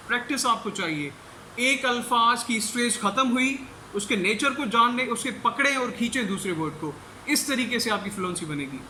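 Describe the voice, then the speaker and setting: A man teaching English pronunciation, explaining in Urdu and repeating each English word slowly to demonstrate it. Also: sits high, sharp tone, roomy sound, a little hiss or hum, poor audio. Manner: switches between Urdu explanation and English examples. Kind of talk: pronunciation lecture.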